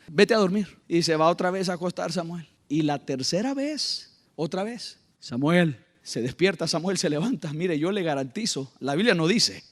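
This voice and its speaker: A male pastor, preaching a lively sermon that swells into shouts, with joking asides to the congregation. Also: a little high, normal speed.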